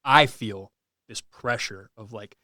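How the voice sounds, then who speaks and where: A man's voice: on the low side, takes it slowly, sharp tone. A man hosting a podcast, musing in a casual, self-deprecating way and often restarting his sentences. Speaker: podcast host. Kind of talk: casual reflective conversation.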